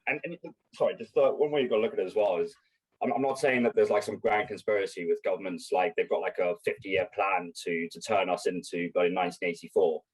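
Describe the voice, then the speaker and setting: A man in a casual podcast discussion who argues his point quickly and keeps hedging with "like". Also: low voice, fairly even intonation, husky, low-quality recording. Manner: quick, argumentative, hedges with "like".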